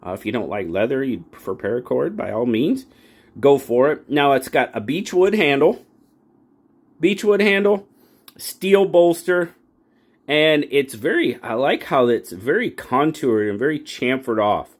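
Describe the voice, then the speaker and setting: Talking through a pocket knife for his channel, this host wanders in a homespun, chatty way, frequently breaking off and starting his sentences over. His mid-range voice is animated and a little slow.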